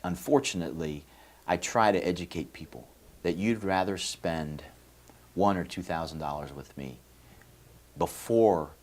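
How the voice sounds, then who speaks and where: Deep voiced guy from venezuela explaining legal stuff, lots of ums and restarts. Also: a little slow, darkish tone. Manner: explanatory, folksy, with many fillers and restarts. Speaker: lawyer, guest. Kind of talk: interview answers. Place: TV studio.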